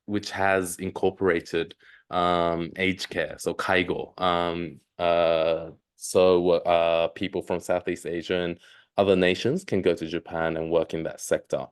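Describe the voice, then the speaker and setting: A man's voice: sits low, flat delivery, measured pace, clear, resonant tone. A man in his thirties, raised in Australia, giving a live online presentation with many ums and uhs. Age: 30s. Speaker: webinar presenter.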